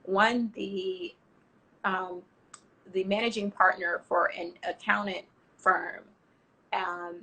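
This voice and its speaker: A woman's voice: mid-range voice, slow pace, long pauses, breathy edge. Chatty woman from Miami, Florida. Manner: chatty, animated retelling with acted-out quotes and many fillers. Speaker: guest, travel platform founder. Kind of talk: casual interview storytelling.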